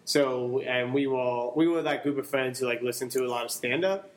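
A man's voice: medium pitch, brisk, a little hiss or hum, poor audio. Guy from long island rambling on a podcast, lots of uhs and likes. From Long Island, New York. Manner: rambling, self-correcting, many fillers. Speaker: guest. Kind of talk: casual podcast chat.

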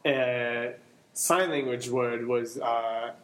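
A man's voice: mid-range voice, fairly even intonation, extremely slow, fairly bright tone, low-quality recording. Podcast guest, male, from Long Island, loose and rambling delivery. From Long Island, New York. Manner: rambling, self-correcting, many fillers. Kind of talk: casual podcast chat.

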